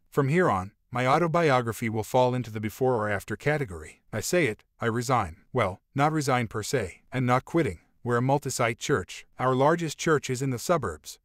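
Male audiobook narrator, mid-pitched, steady first-person read, dry close sound. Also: dry recording. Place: voice-over.

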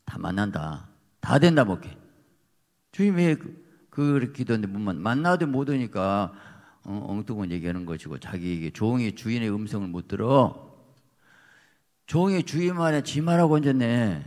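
A man preaching a fiery sermon as pastor, emphatic, swinging from quiet asides to shouted peaks. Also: fairly low pitch, very animated, normal speed. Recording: long reverb of a church hall.

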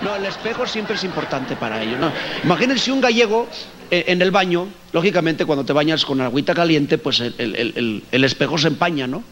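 A man's voice: on the high side, expressive, a little fast, fairly bright tone, slight background noise. A middle-aged man with a Mexican accent doing a chatty, teasing stand-up comedy routine on a stage before a live audience.

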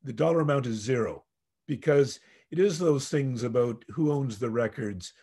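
A man's voice: mid-range voice, mellow, breathy edge. A man on a physician panel answering a webinar question, stopping and restarting as he talks, over a computer mic. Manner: halting, self-correcting restarts.

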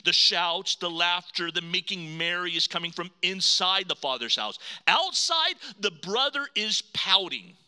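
Male pastor preaching, high lively voice that jumps all over, swings loud then drops real quiet. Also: unhurried, few pauses, clean tone. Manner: dramatic, swings from loud emphasis to hushed low delivery. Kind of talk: sermon.

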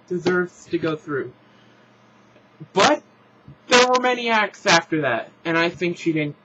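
A man's voice: on the high side, lo-fi sound, background noise. A man rambling frankly through a casual vlog review, restarting and correcting himself as he goes. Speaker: show reviewer. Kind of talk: casual opinionated vlog commentary.

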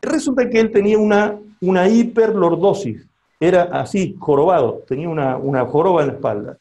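A man, a pastor telling a story to a seminar audience as part of a sermon. He talks in an animated way and asks the listeners questions. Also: high-pitched, fairly quick.

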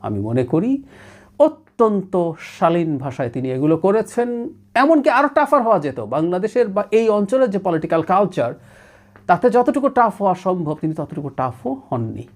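A man's voice: high voice, sing-song, moderate pace. A man from Bangladesh hosting his own show, giving an analytical commentary monologue on politics with an emphatic manner that often slips English phrases in.

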